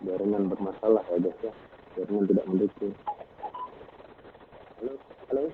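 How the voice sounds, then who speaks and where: A man's voice: low voice, little pitch movement, normal speed, a little hiss or hum. A man interviewing over a phone call, asking short follow-up questions in a casual chat. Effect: heard over a phone or online call. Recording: phone-like narrow line.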